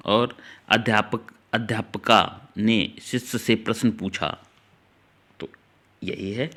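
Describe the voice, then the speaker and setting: A male teacher taking students through an exam-prep grammar lesson, explaining each answer step by step and slowly repeating key words. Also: on the low side, steady tone, sharp tone. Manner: talks directly to students, urging them to note things down.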